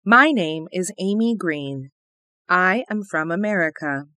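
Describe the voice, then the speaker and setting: A woman reading the part of a twelve-year-old schoolgirl introducing herself in a scripted listening test, slow and carefully enunciated. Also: fairly low pitch, animated, bright, forceful tone, no echo, studio quality. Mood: plain.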